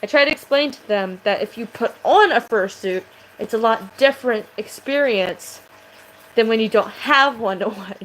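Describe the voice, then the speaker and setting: A woman's voice: fairly high pitch, moderate pace, fairly bright tone, low-quality recording. Rambling, profane woman vlogger. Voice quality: sounds aggressive. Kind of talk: casual chat to camera.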